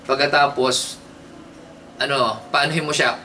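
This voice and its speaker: A young adult man with a Filipino accent hosting a casual radio trivia segment, playful and animated, mixing English into his Tagalog. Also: medium pitch, a little slow. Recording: slightly distant mic, faint hiss.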